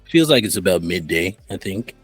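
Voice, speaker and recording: Deep-voiced guy player arguing a silly point, husky, dry sound. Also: animated, moderate pace, no room sound, faint music behind. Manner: insistent, joking argument. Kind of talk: casual tabletop role-play.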